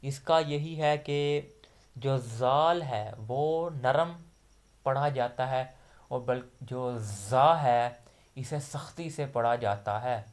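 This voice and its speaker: With a medium-pitched, clean voice and a Pakistani Urdu accent, a man leads a Quran recitation class in a slow, explanatory lesson. He goes patiently through each letter sound, stretching out the examples.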